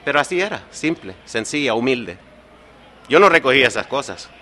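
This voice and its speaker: Bright-voiced man giving earnest testimony. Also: medium pitch, sing-song, brisk. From United States. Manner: earnest, confessional, often adds "¿verdad?". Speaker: recovery meeting speaker. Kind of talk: personal testimony at a support meeting.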